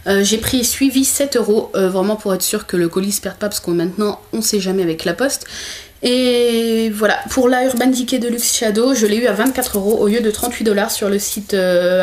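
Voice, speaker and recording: A young woman talks through her makeup haul in a relaxed, chatty way, filling pauses with frequent hesitations. Her voice sits at an ordinary middle pitch, recorded at home by a window. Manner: chatty, many filler hesitations. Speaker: beauty vlogger. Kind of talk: casual makeup haul chat.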